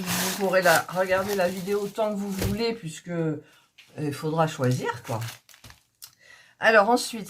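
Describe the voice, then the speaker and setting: Chatty woman with a lively voice. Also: mid-range voice, slight background noise. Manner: chatty, hesitant, many fillers and restarts. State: sick, coughing. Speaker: hobby vlogger showing diamond painting kits. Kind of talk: casual chat to subscribers.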